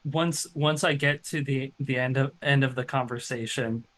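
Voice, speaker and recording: A man playing a tabletop game, explaining his moves in a halting way with frequent restarts. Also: medium pitch, steady tone, fairly bright tone, poor audio. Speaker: player. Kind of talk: casual tabletop game talk.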